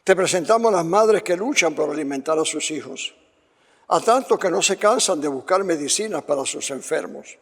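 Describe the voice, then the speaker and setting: A man leading solemn liturgical prayer as a priest, measured and reverent, with cathedral echo. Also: a little high, expressive. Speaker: priest presiding at Mass. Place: large church, amplified.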